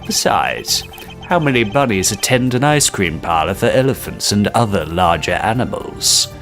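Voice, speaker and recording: A man's voice: on the low side, big pitch swings, a bit bright, faint music behind. Phoenix Wright, a man voicing a confident lawyer. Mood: assertive. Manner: deliberate, emphatic courtroom delivery. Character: confident young male defense lawyer.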